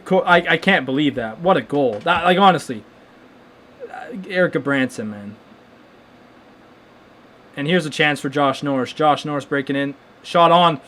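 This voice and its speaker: A young man hosting a live hockey watchalong, reacting casually and excitedly with lots of restarts and stunned exclamations. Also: a little high, normal speed, pauses often, slight background noise. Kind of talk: casual live game commentary.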